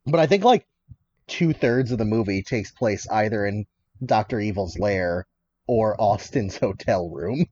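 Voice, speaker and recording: Husky, animated man on a podcast. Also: lowish voice, dry recording, highs cut off. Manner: lively, laughing, quick interjections. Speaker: podcast co-host. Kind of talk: casual film discussion.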